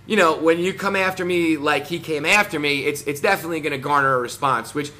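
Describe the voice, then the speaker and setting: A man's voice: on the high side, quick pace, sharp tone. Brash New Jersey man ranting. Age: 30s. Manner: combative, boastful, many fillers. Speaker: vlogger. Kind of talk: ranting to camera.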